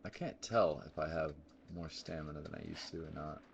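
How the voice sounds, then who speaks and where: A man's voice: extremely low pitch, a little fast, gravelly, muffled recording, slight background noise. A man streaming a game live, rambling casually and thinking aloud with sudden exclamations. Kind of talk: casual gameplay commentary.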